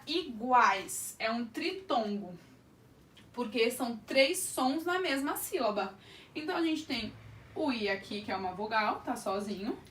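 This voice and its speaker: A Brazilian woman teacher with a somewhat high, slightly bright voice gives an online grammar lesson, explaining carefully and stretching words out to sound their syllables. She has a Brazilian Portuguese accent and is recorded off-mic from a distance in an echoey room.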